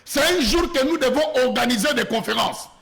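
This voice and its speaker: A man's voice: extremely high pitch, animated, normal speed, gravelly, a bit bright. A man with a Congolese French accent preaching an earnest sermon as a prophet, slipping Lingala phrases into his French and growing more emphatic as he goes. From Congo (DRC).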